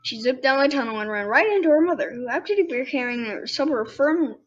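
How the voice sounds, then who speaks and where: A girl of about ten hosts a storybook read-aloud, reading children's books and breaking off for candid, casual asides that interrupt herself. The female voice sits high, expressive and quick, captured in dull lo-fi sound with faint noise.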